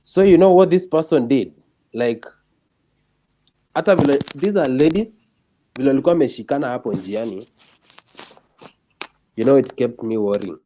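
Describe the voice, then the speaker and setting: A man's voice: medium pitch, lively intonation, moderate pace, pauses often, dark tone, slight background noise, low-quality recording. A man with a Kenyan accent chatting casually and telling stories, switching between Swahili and English. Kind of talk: casual chat, storytelling.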